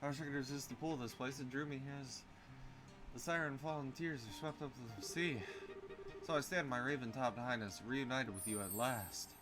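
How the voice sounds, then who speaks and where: A man's voice: mid-range voice, a little fast, over music, close to an everyday voice. Man hamming up a pompous flowery bard. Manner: grandiose, flowery and smug. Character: pompous flamboyant young male bard.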